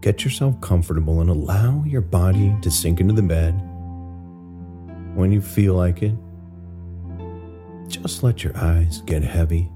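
Deep-voiced man, soothing sleep-story narrator. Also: measured pace, pauses often. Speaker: guided relaxation narrator. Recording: loud new-age guitar music bed. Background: new-age guitar music.

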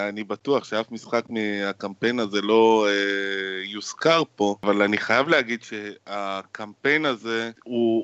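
A man's voice: on the low side, fairly bright tone, smooth, no echo. Emphatic man in casual podcast chat. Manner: emphatic, repeats words for stress. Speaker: podcast co-host. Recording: dull lo-fi sound.

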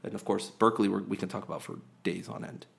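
A man's voice: fairly low pitch, steady tone, quick pace, vocal fry, fairly bright tone. A man co-hosting a sports podcast in casual chat, rambling and chatty with many fillers and restarts. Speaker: podcast co-host.

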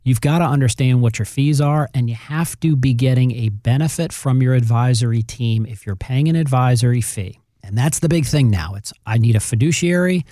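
A man's voice: medium pitch, normal speed, hardly any pauses, warm tone, no room sound, clean studio sound. A man talking as a financial advisor, explaining things conversationally and addressing the listener directly with emphasis. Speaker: financial advisor on a radio show. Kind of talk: conversational advice talk.

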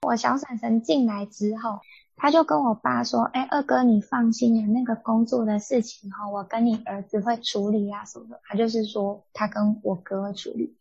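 A young woman co-hosts a casual podcast chat, retelling family drama with animated indignation. Her fairly high voice is gravelly and husky, and the recording sounds dull and lo-fi. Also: moderate pace, no echo. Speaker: podcast co-host.

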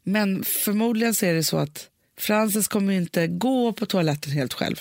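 A woman's voice: medium pitch, a little mellow, dry recording, clean studio sound. A mother in a casual conversation, reasoning things through aloud with lots of fillers and restarts. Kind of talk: casual chat.

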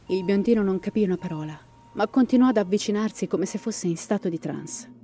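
A woman's voice: medium pitch, brisk, dark tone. A woman narrating a scripted horror story with dramatic pacing and sardonic comic asides, also bantering as host.

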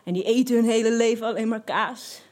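A woman voicing a calm, reassuring male cheese seller, speaking slowly and soothingly in a lowered voice. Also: close to an everyday voice.

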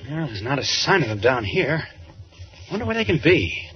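An actor playing a mild, polite but persistent reporter in a radio drama, questioning hesitantly or thinking aloud. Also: male voice, fairly high pitch, sing-song, moderate pace, slight background noise. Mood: puzzled, musing. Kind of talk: 1940s radio acting. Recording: muffled vintage radio recording.

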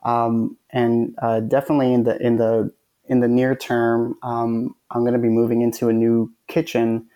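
A man who runs food pop-ups, answering interview questions hesitantly with many "um" and "uh" pauses. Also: mid-range voice, completely flat delivery, warm tone.

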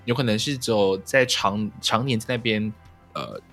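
A man's voice: fairly low pitch, lively intonation, moderate pace, a bit bright. Man with a Taiwanese accent, music behind. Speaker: podcast host. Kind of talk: casual conversational interview.

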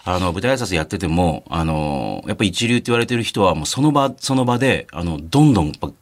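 A man co-hosts a relaxed radio chat and tells his anecdotes with plenty of fillers. His voice sits on the low side but swings widely in pitch. He talks at a brisk clip. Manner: lively storytelling with many fillers. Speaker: radio co-host, announcer. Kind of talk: casual radio talk.

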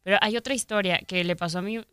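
A woman with a Mexican accent, chatting casually and relaxed as she tells a story. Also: mid-range voice, quick pace, clean tone, no echo. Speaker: show co-host. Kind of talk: casual chat.

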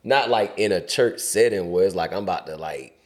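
A man chatting casually with friends, explaining his view in slangy, halting phrases. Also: deep voice. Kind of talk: casual group chat.

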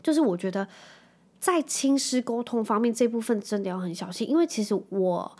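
A woman's voice: on the high side, lively intonation, fairly quick, darkish tone. A woman in her thirties with a Taiwanese Mandarin accent, hosting a casual storytelling chat and dropping English words into her talk. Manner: chatty, drops English words into speech. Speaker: podcast host.

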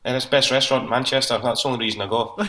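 A man's voice: mid-range voice, steady tone, rapid-fire, sharp tone, a little hiss or hum. A man chatting casually as a guest on a football podcast. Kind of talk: casual banter.

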